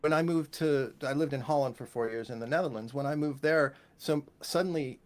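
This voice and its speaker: A man with a medium-pitched, brisk voice talks as a composer in a casual interview about music. He's enthusiastic and rambling, sprinkling in "you know" and often checking in with "right?".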